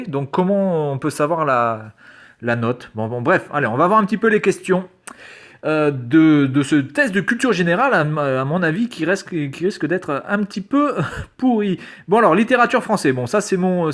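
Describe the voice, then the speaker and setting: A man reading quiz questions aloud and reacting to them with sarcastic, exasperated commentary. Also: a little high. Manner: sarcastic, exasperated, swears and mutters. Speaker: video creator.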